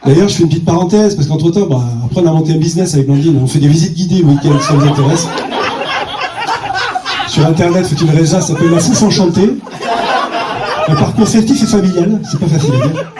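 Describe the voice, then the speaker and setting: A man's voice: fairly high pitch, fast talker, roomy sound, recorded from a distance, a loud crowd, heavy background noise. A stand-up comedian man telling a crude story on stage, with a bawdy, punchy delivery and sudden jumps in his voice.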